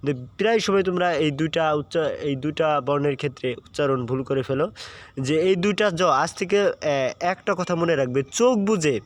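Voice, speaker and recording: In an online exam-prep lesson, a male admission tutor with a fairly quick pace and a voice on the high side teaches patiently, repeating key points and checking that students understand.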